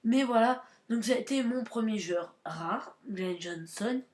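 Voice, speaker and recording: A woman's voice: a little high, unhurried, darkish tone. A woman hosting a gaming channel, giving casual, slangy gameplay commentary with lots of fillers and restarts. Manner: hesitant, many fillers and restarts; slangy, chatty, addresses viewers as guys.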